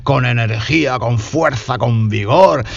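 A man from Spain with a Spanish accent, hosting a Spanish lesson podcast from home, talking loudly and passionately, repeating himself, now sweaty and tired. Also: mid-range voice, measured pace, gravelly, highs cut off. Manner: passionate, loud, repetitive. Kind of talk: energetic podcast lesson for learners.

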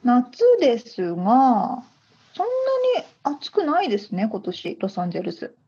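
A woman's voice: a little high, big pitch swings, measured pace, dark tone, slightly rough, highs cut off. A woman hosting a podcast in casual chat, chatty and laughing easily, with polite host phrasing.

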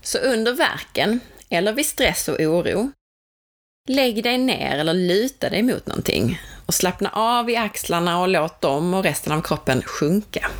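Calm female instructor, slightly low voice, steady coaching delivery. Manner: calm, explanatory, gently coaching. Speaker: childbirth educator. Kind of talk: instructional talk.

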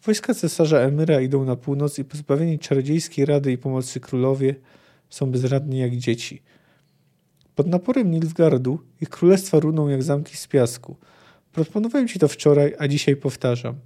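A man reading aloud as a smooth male sorcerer villain, measured and persuasive. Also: on the high side, dark tone, natural voice.

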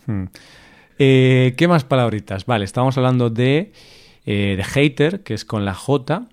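A man's voice: medium pitch, a little slow, clear, resonant tone. A man from co-hosting a casual chat podcast, musing aloud about how Spaniards say English words, with easy fillers. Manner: relaxed, thinks aloud with fillers. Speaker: podcast co-host.

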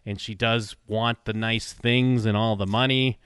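A man's voice: lowish voice, fairly even intonation, a little slow, a bit bright, clear, resonant tone, dry recording, studio quality. A man co-hosting a podcast, chatting loosely about a TV episode with many fillers and restarts, swearing now and then. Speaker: podcast co-host. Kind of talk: casual TV recap chat.

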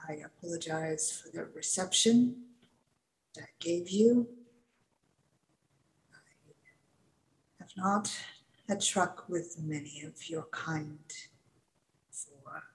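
A woman voicing a remorseful, formal man who apologizes in halting, old-fashioned speech. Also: sits low, voice pushed down, rough recording. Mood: contrite.

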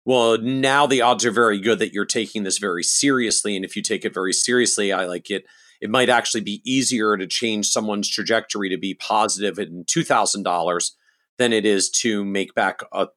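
A man hosting an interview for financial advisors, measured and reasoning aloud. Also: on the low side, fairly bright tone. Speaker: podcast host for financial advisors. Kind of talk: interview conversation.

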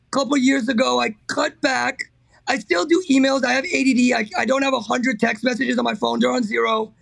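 A middle-aged man with a hoarse, raspy, strained voice, talking casually and emphatically as an interview guest. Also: very high-pitched, fairly bright tone, no room sound. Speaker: interview guest, car builder.

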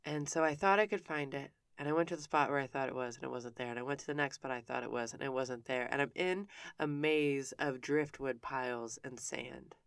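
A woman's voice: rumbling low, fairly even intonation, a little fast, creaky, few pauses, clear, resonant tone, no room sound, clean studio sound. A woman telling a personal story in a frank, conversational way, often stopping and restarting her sentences. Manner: candid, frank with casual swearing; self-interrupting with frequent restarts.

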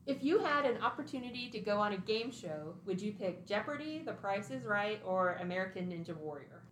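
A woman's voice: mid-range voice, expressive, fairly quick, a bit bright, a little hiss or hum. Woman host reading questions, roomy sound. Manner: clear, read-aloud questions. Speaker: podcast host. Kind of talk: scripted interview questions. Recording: echoey room.

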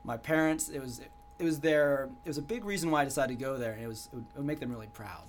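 A man's voice: mid-range voice, quick pace, slight background noise. Earnest young man, reflective interview guest. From United States. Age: young adult. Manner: earnest, reflective, many "you know" fillers. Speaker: guest entrepreneur. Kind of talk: casual interview answers.

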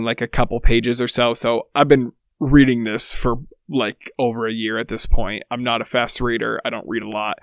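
A man's voice: medium pitch, clean tone, dry recording, clean studio sound. A man co-hosting a podcast, talking with enthusiasm and rambling as he searches for words. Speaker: podcast co-host. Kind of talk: casual podcast chat.

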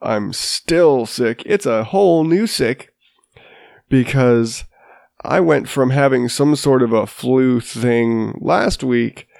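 A man in his thirties, stuffed up with a sinus infection, rambles through a solo podcast of his own, self-deprecating and restarting often. His medium-pitched voice is slow, gravelly and a little mellow. The studio sound is clean with no echo.

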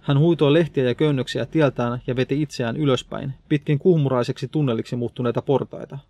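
A man narrating an audiobook in steady, measured scripted narration. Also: mid-range voice, no room sound.

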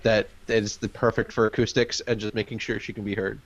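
A man's voice: on the low side, a little fast, lo-fi sound. A man co-hosting a podcast, chatting casually and joking, heard over a video call. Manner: joking, animated storyteller. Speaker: podcast co-host. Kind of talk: casual chat.

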